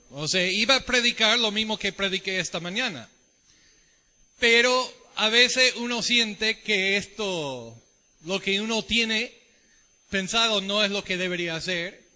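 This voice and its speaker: A man's voice: sits high, a little slow, pushed and bright, in a large hall. A middle-aged man from the United States with an American accent mixed with Ecuadorian Spanish, preaching a sermon and asking the congregation questions. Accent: American with Ecuadorian Spanish mix. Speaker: visiting preacher. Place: church.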